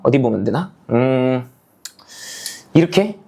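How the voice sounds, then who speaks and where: Guy teaching math, keeps asking "okay? got it?", really expressive up-and-down voice. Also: medium pitch, slow, vocal fry, slight background noise. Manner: checks in constantly with students, rising "okay?" and "got it?"; casual, talks down to students' level. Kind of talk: classroom lecture.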